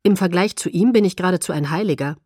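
A woman reading an audiobook, voicing a calm, tender young male vampire lover in a soft, low, gentle voice. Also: fast, breathy edge, dry recording, clean studio sound.

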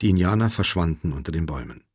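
A man narrating an audiobook in a measured, even storytelling manner. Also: low-pitched, slightly rough, no echo, studio quality. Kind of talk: scripted narration.

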